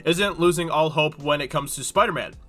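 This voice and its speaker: A YouTube host with a cold reads through a news article and comments on it, rambling casually with many fillers in a congested voice. He sounds fairly high, a little fast, bright and forceful, with soft music in the background.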